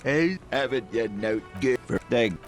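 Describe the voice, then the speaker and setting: A man voicing a bewildered, slow-talking male game character, raising his voice above his own and drawing out his halting lines. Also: medium pitch, expressive, soft background music, voice pushed up, lightly acted.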